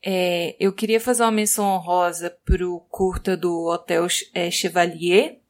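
A woman with a Brazilian Portuguese accent co-hosting a podcast, chatting casually with many fillers and pauses. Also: on the low side, steady tone. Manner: chatty, filler-heavy, hesitant. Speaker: podcast co-host, designer.

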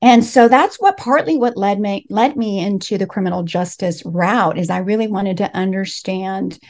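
A middle-aged woman from Los Angeles, United States, whose first language is Spanish, speaks as an interview guest and life coach. Her mid-range, darkish voice moves at a moderate pace as she tells her story earnestly and reflectively in conversation.

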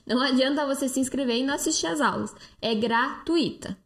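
Racing along with vocal fry in her high voice, a Brazilian woman hosts a detox-coaching live stream on a close-held phone. Her Brazilian Portuguese accent comes through as she replies to viewer comments, chatty and persuasive, peppered with fillers.

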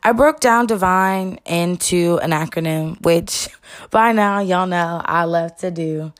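A young woman from Texas performing a rhythmic, expressive spoken-word poem. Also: fairly low pitch, slow pace. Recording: soft music behind voice.

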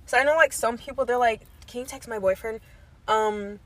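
Giggly young woman, bright voice. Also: on the high side, moderate pace. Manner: giggly, playful, slangy. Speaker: co-host. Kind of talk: casual chat. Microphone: camera.

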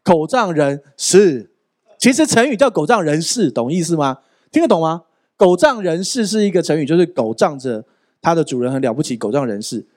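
A male pastor preaching a sermon in an animated, joking way, often asking the listeners rhetorical questions. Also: on the high side, a little fast.

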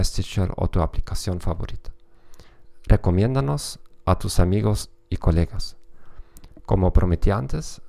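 A man's voice: low-pitched, vocal fry, warm tone. A man with a German accent, a native German speaker, hosting a scripted podcast monologue with careful non-native delivery. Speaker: podcast host, psychologist and German teacher.

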